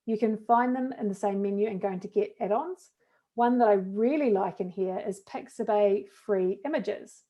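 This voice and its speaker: A woman's voice: medium pitch, normal speed, highs cut off. A woman with a New Zealand accent, a teacher trainer chatting casually and upbeat through a live webinar demo of classroom tools.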